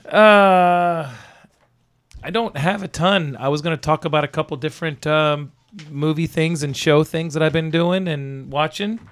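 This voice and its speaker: A man with a hoarse voice chatting casually and bluntly as a podcast co-host. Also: fairly high pitch, unhurried, fairly bright tone. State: hoarse, can barely talk. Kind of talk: casual banter.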